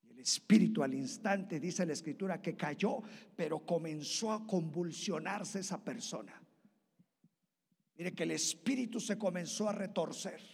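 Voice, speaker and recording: A male pastor preaches in a high, gravelly, husky voice. He swings from loud, high-pitched bursts to hushed, low asides. The sound carries a long reverb, as in a church hall. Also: moderate pace. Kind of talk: sermon.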